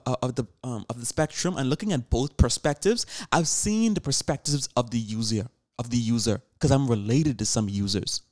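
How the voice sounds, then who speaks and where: A man's voice: mid-range voice, darkish tone, no room sound. A teenage man hosts his own podcast, speaking in a middling voice close to a dry microphone. He lectures his listeners earnestly, firing rhetorical questions and stumbling into restarts and repeated words as he goes. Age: teens. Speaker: podcast host. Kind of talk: solo podcast monologue.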